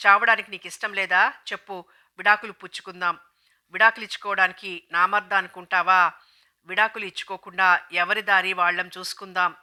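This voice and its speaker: A furious husband snarls commands and threats at his wife in this storybook reading, his voice bright and sharp. A woman reading the novel aloud plays him. The menace comes through steady and loud. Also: medium pitch, fairly quick. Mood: menacing. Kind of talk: audiobook dialogue reading.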